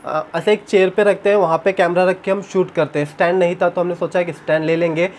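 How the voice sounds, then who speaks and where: Casually chatting in his home vlog, a young man animatedly retells a story to a camera on a tripod. He speaks fast in a high-pitched, darkish voice with fairly even intonation.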